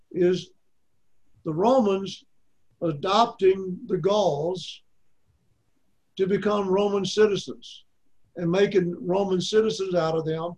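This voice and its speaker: An older man with an Arkansas accent teaches a Bible class in a high, light voice. He speaks in a folksy way, driving his points home by repeating them. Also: darkish tone.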